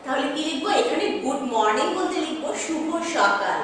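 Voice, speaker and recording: High, bright woman teacher in an echoey room. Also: big pitch swings, brisk. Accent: Bangladeshi Bengali. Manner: spells words letter by letter, asks and answers her own questions. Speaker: primary school English teacher. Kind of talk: online class lesson at a whiteboard. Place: classroom with a whiteboard. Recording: echoey room, mic far off.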